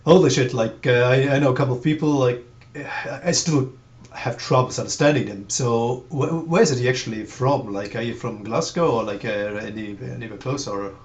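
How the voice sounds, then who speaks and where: A man's voice: medium pitch, normal speed, highs cut off. A man with a German accent interviewing a musician casually, hesitant, with many fillers and restarts. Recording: roomy with faint noise.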